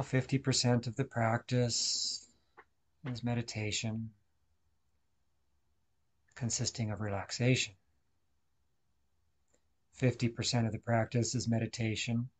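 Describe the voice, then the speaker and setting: A man guides a meditation at a medium pitch, his tone steady as he delivers short, deliberate instructional phrases broken up by pauses.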